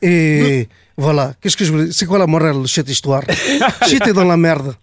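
A man doing a goofy, high-pitched Portuguese-accented cicada who keeps rambling off-topic. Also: moderate pace, dry recording, clean studio sound, natural voice. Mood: rambling comic. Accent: put-on Portuguese accent. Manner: rambling, mangled French, joking asides. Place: radio studio.

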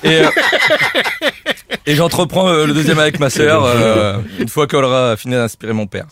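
A man's voice: mid-range voice, fairly even intonation, moderate pace, a bit bright. A man with a Corsican accent reading a teasing, self-mocking comic chronicle on a radio show, full of hesitant "euh"s. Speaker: radio comedy columnist.

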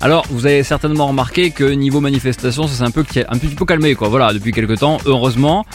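A man's voice: mid-range voice, fast talker, faint music behind. A man hosting a radio morning show who introduces the segment in a breezy, chatty way.

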